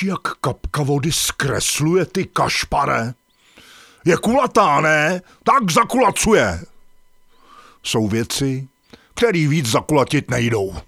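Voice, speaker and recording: A man's voice: a little high, vocal fry, fairly bright tone, no echo, clean studio sound, full character voice. A man voicing a grumpy, quarrelsome male dung beetle in a cartoon who grumbles sarcastically.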